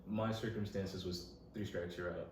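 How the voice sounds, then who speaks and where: A young man with a fairly low voice telling a story in a relaxed, casual way. He sits off the mic in an echoing room with faint background hiss. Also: moderate pace. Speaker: podcast co-host. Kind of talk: casual chat. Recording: echoey room, distant mic, faint noise.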